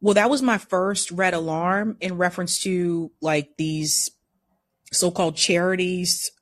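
A woman's voice: fairly low pitch, fairly even intonation, measured pace. A woman in a casual discussion, explaining her points in a matter-of-fact way.

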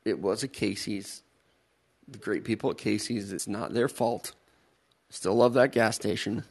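A man's voice: fairly low pitch, steady tone, measured pace, vocal fry, a little mellow, slightly rough. A man co-hosting a talk show, telling stories casually and bluntly, swearing freely. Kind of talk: casual banter and storytelling.

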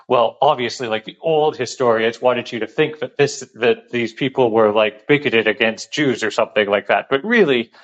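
A man's voice: mid-range voice, moderate pace, hardly any pauses, a bit bright. A man calling in to a show, rambling casually with many restarts and fillers. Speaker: caller. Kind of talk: casual call-in chat. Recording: dull lo-fi call line.

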